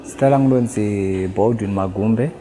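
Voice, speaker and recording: A man's voice: on the low side, normal speed, mellow. A thirty-year-old man from Zimbabwe giving a plain self-introduction.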